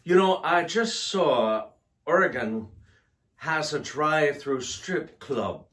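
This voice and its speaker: Co-host, male, slow and animated joke-teller, playful delivery. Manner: slow, playful joke-telling with lively pitch. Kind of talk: casual comedic chat.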